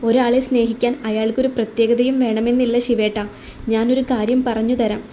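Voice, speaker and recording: A feisty young wife in a storybook romance, voiced by a woman narrator. She answers back quickly and speaks her mind. The voice is high and soft-toned. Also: level tone, slight background noise, lightly acted. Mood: reflective. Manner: sassy, quick retorts, thoughtful. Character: spirited young wife, sharp-tongued and loving.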